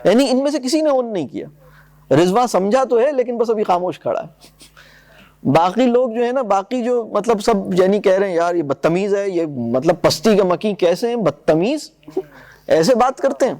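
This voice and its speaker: Man, high voice, poetry lecture, eager explaining, slow recited verses. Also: lively intonation, a little mellow.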